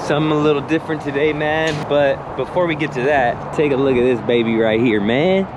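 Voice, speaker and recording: A man's voice: medium pitch, steady tone, fairly quick. A young man chatting casually to his viewers in a slangy, laid-back way, from his car and outdoors at a ballfield. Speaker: car vlogger. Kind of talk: casual vlog chat. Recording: loud road and outdoor noise.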